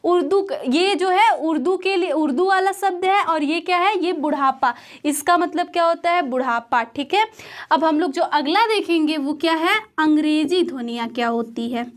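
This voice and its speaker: High-voiced woman teaching Hindi grammar. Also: moderate pace. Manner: explains step by step, asks and answers her own questions.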